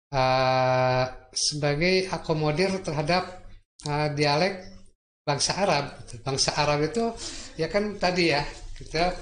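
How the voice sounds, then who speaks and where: Man giving a religious lecture, echoey room. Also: on the high side. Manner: explains slowly with many fillers and repetitions. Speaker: religious teacher. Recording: echoey room with faint noise.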